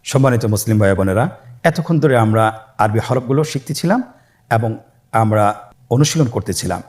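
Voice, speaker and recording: A man teaching Arabic letters step by step, leading students to repeat after him with slow, drawn-out letter names. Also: fairly low pitch, animated, darkish tone. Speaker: Quran teacher. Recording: faint background music.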